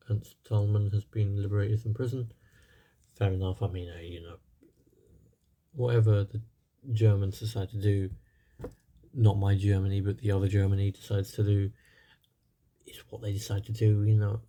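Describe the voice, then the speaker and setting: Low-pitched and mellow, this young man hosts a gaming channel and seems a bit worn out. His loose, meandering talk over a strategy game leans heavily on fillers and hedging.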